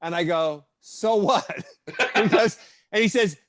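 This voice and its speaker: A man with a high voice talks easily in a relaxed podcast chat. He tells a story about a late-night phone call. Later he steers the show toward its wrap-up. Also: slow, dry recording, clean studio sound. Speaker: podcast co-host. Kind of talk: casual movie chat.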